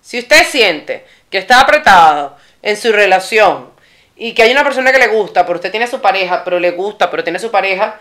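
A woman's voice: medium pitch, expressive, brisk, fairly bright tone. A woman co-hosting a casual chat show, playful and direct as she gives advice to viewers. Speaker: co-host. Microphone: video camera setup.

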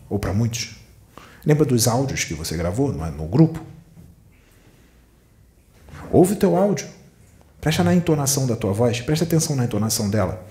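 Lively-voiced man preaching in an echoey room. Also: lowish voice. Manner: admonishing, full of rhetorical questions. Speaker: spiritual medium. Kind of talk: channeled spiritual sermon.

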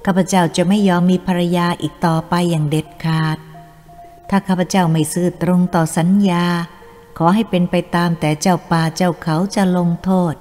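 A woman's voice: lowish voice, steady tone, moderate pace, darkish tone, natural voice. A woman voicing a devoted young village man who speaks solemn, earnest vows, read in a Thai audiobook. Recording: long reverb, faint music.

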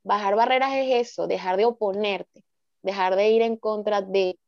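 A woman, a therapist on a podcast, calmly explaining ideas and acting out inner thoughts in quotes. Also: mid-range voice, normal speed, dry recording. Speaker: therapist guest. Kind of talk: calm explanatory podcast talk. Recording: dull lo-fi dry sound.

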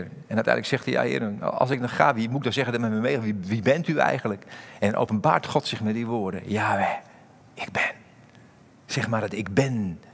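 A man's voice: medium pitch, vocal fry, a bit bright, in a large hall. A man preaching a sermon, emphatic, with sudden rises and drops in his voice, addressing the congregation directly. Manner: addresses the congregation directly, asks rhetorical questions. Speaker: pastor.

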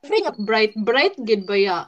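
A woman's voice: on the high side, sing-song, a little slow, fairly bright tone, highs cut off, a little hiss or hum. A young woman co-hosting a casual chat among friends, chatty and laughing often. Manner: chatty, laughing, mock American-accent bits. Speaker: co-host of a reunion chat.

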